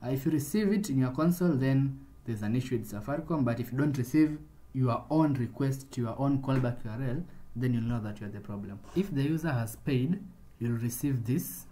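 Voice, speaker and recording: A man's voice: mid-range voice, a little fast, dark tone. A man explaining programming in a casual screen-recorded coding tutorial, talking things through with frequent restarts.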